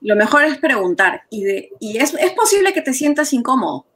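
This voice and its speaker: A woman, explaining cultural sensitivity in therapy in a calm conversational manner. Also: sits high, a little fast, a little hiss or hum. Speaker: guest therapist. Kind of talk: professional conversation.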